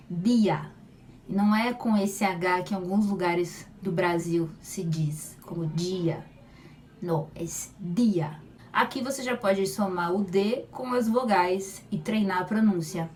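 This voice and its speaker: Woman, pronunciation teacher; slow, deliberate delivery, sounds repeated loudly, set back from the mic in a lightly noisy room. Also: medium pitch. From Brazil. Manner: models each sound slowly and repeats it loudly. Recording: voice slightly far from mic, faint room noise.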